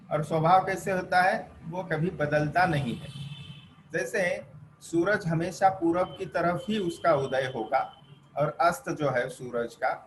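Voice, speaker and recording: Guy teaching, reads old verses then explains, real slow, bit of background hiss. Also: a little high, rough recording. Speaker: Ayurveda teacher. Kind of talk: classroom lecture.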